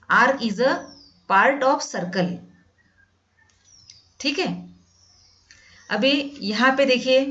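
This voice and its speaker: A woman teaching a math class, patiently repeating each definition slowly and addressing her students as "beta". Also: a little high, fairly bright tone. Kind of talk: classroom lesson in Hindi with English definitions. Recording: dull lo-fi sound.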